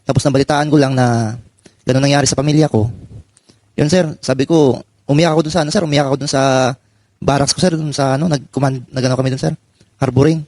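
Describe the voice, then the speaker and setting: Halting man, "sir" after every phrase. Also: mid-range voice, steady tone, a little mellow, no room sound. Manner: halting, repeats "sir" constantly. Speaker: former soldier. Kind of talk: personal testimony in a panel.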